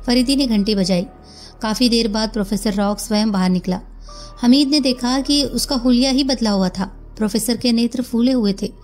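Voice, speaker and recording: A woman narrating a detective story in a steady, formal reading voice. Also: on the high side.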